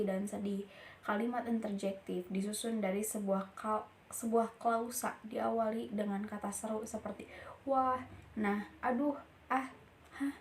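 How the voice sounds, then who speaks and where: A young woman, a university student, reading course notes aloud in a steady voice and sometimes stumbling and restarting a word. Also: mid-range voice, a little hiss or hum. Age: young adult. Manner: reads steadily from notes, with small slips and restarts.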